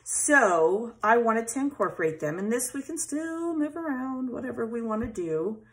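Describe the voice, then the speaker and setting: A scrapbooking channel host with an expressive, fairly high voice chats at normal speed, thinking aloud as she arranges pieces at her home craft table. It's a casual craft tutorial, filmed with an overhead camera on her hands.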